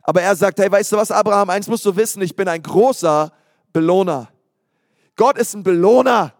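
A young man delivers a sermon with a very high voice, full of energy, calling to the congregation and repeating his phrases. The sound is dry and close, with no room echo. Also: moderate pace. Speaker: pastor.

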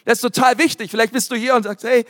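A man delivers a sermon in a casual, energetic way, scattering fillers and English words. His voice sits high for a man. The church hall adds a long, ringing reverb. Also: quick pace. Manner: lively preaching, mimics congregants in put-on voices; casual, many fillers and anglicisms. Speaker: pastor.

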